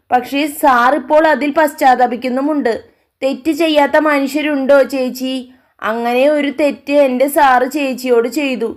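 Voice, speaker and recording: A woman's voice: high-pitched, voice pushed up, lightly acted. A woman voicing a stubborn, emotional teenage daughter who talks in a pleading, sulky way.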